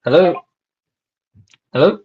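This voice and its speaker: A real estate wholesaler phones a homeowner out of the blue about buying her house. His casual sales pitch stumbles along with plenty of fillers and restarts, captured in a dull lo-fi call recording.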